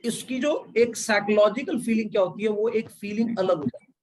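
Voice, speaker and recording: A man's voice: high voice, normal speed, poor audio. A man running an online sales training over a video call, explaining step by step, mixing English into Hindi and checking in with "right or wrong?". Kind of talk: live online training session.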